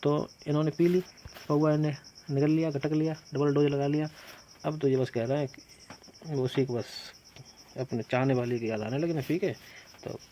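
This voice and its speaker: A man's voice: on the high side, fairly even intonation, moderate pace, long pauses, mellow, a little hiss or hum, low-quality recording. A male teacher running an exam-prep quiz lesson, playfully asking questions and answering them himself with jokey memory tricks, calling his students "bhaiya".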